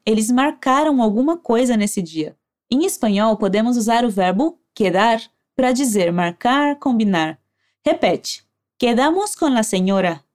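Lively Brazilian woman teaching Spanish. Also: on the high side. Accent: Brazilian Portuguese. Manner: clear, encouraging instructor, models phrases slowly. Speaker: Spanish teacher for Portuguese speakers. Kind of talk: language lesson narration with repeat drills.

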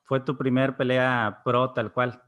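A man's voice: medium pitch, level tone, takes it slowly, fairly bright tone. A man hosting a podcast, asking a guest short, conversational questions. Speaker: podcast host. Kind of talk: interview questions.

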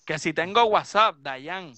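A man's voice: sits high, expressive, a little slow, sharp tone, no room sound. A Puerto Rican man, a DJ hosting a live stream, ranting drunk and swearing heavily. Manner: profane, heated, repetitive ranting.

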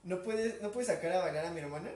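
Fast, high-voiced Mexican guy telling a story. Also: a little mellow, distant mic. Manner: slangy, says "güey" constantly. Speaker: podcast guest or co-host. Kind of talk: casual storytelling chat. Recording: roomy, off-mic, faint noise.

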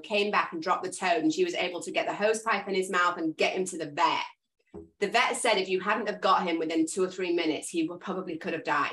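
An English woman hosting a casual video call for an association of dog trainers, chatty and expressive as she tells stories. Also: fairly low pitch. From England. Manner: chatty, expressive storyteller, self-described loud and noisy. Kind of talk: casual chat.

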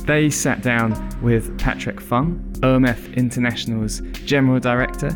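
A man hosting a podcast, reading a clear and welcoming scripted introduction. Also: mid-range voice. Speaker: podcast host. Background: guitar music.

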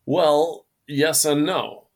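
A man's voice: on the high side, steady tone, extremely slow. A man who is a guest on a podcast, a coffee roaster talking in an easygoing way and explaining things plainly. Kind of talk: casual podcast chat.

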